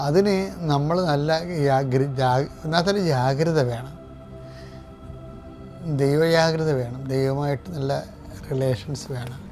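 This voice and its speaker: A man's voice: mid-range voice, slow, darkish tone, soft background music. An older man, a priest, preaching a fervent sermon with emphatic stresses, leading scripture lines to repeat. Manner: leads congregation in repeating scripture line by line. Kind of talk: sermon with prayers.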